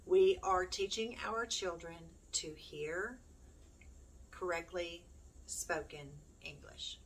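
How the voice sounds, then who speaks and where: In a slow, fairly low voice, a middle-aged woman who homeschools and hosts on YouTube chats casually to the camera, wandering off topic and teasing herself. She's indoors in a small room at home, recorded on a distant mic with room noise around her.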